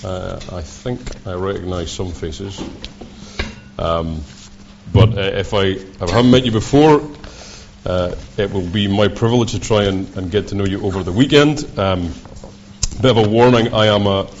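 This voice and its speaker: A Scottish preacher with a thick, broad accent and a fairly low voice. He delivers his sermon in measured, halting phrases. The recording sounds dull and a little lo-fi. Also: a little mellow, a little hiss or hum. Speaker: visiting preacher. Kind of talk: sermon with scripture readings.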